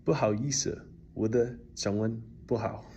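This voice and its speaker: A man's voice: fairly low pitch, steady tone, measured pace, dark tone, breathy edge. A man who is a native English speaker, keeping a casual video diary of his language learning and practising phrases. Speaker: language learner vlogging daily progress.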